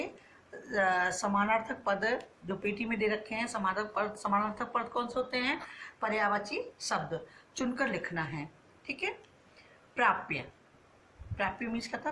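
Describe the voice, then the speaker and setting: A woman teaching a school class, her voice bright and clear. She poses a question and answers it herself, slowly drawing out each key word. A faint hiss sits under the recording. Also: on the high side. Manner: asks questions and answers them herself, drawn-out words. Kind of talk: online class lesson.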